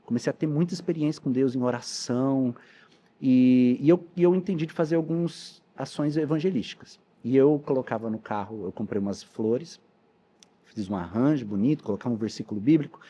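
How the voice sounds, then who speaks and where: A man's voice: mid-range voice, expressive, brisk, warm tone. A man, a pastor and missionary telling his testimony in a podcast interview with earnest storytelling. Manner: storytelling, earnest, quotes dialogue.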